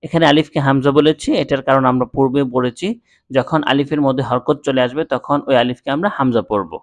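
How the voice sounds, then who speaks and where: A man teaching Quran reading, sounding out letters slowly one syllable at a time and explaining the rules more quickly between the drills. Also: mid-range voice, steady tone. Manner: slow syllable-by-syllable drilling, faster plain explanations. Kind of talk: spelling drill lesson.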